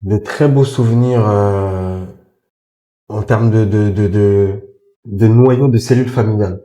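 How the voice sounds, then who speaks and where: A man in his forties from Congo, unhurried and mellow with a voice on the low side, is a podcast guest speaking casually about his life. He's informal and hesitant, restarting often and leaning on fillers. There's a roomy echo and faint music in the recording.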